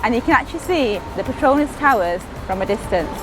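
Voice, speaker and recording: A woman's voice: fairly high pitch, lively intonation, fast. A woman presenting a casual travel and food vlog, talking chattily and directly to her viewers. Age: adult, a mother. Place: on location in busy streets and shops. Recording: music behind, outdoor street sounds. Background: music, traffic and urban sounds.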